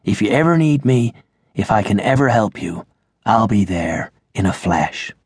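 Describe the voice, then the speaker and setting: A man's voice: fairly low pitch, lively intonation, normal speed, breathy edge, no echo, clean studio sound. A man voicing an easygoing male vampire with a folksy, slangy drawl in an audiobook. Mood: tender. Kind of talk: audiobook character voice.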